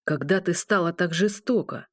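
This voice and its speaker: A tense werewolf man who covers his nerves with dry jokes, as a woman reads him. The voice sits low and steady. It sounds close and dry, in an audiobook. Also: normal speed, no echo, natural voice. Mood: wry. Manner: wry, nervous joking.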